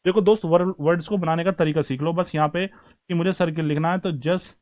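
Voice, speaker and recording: A man teaching stenography in a live class, with a high, light voice. He talks to his students like brothers and friends, easygoing and repetitive, showing them step by step how to write each shape. His delivery is a casual teaching style rather than formal. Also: steady tone, fairly quick, darkish tone. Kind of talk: online class lesson.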